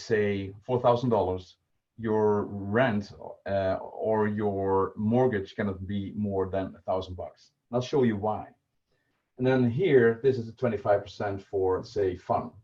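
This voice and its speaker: A middle-aged Dutchman from the Netherlands, a personal finance presenter, explains budgeting on a casual livestream full of fillers and restarts. His voice sits on the low side with a darkish tone. The video call audio is muffled and lo-fi.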